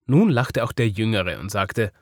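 A man with an Austrian accent narrating a children's story in a lively storytelling manner. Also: lowish voice, a little slow, dry recording, clean studio sound. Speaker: podcast storyteller.

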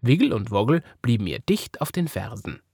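A man with an Austrian accent narrating a children's story in a lively storytelling manner. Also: mid-range voice, moderate pace, vocal fry, breathy edge, no room sound, clean studio sound. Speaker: podcast storyteller.

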